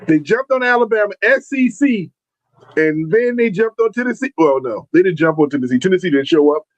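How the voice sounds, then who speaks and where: A podcast co-host in his forties chats casually about sports, laid-back and rambling. His voice is high-pitched and a little fast with lively intonation, recorded without echo but with dull, lo-fi sound.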